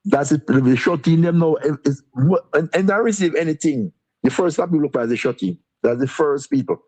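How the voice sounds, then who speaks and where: High-voiced Jamaican deputy mayor. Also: male voice, normal speed, warm tone. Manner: repetitive, rambling, chuckles nervously. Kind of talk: interviewed on a live stream.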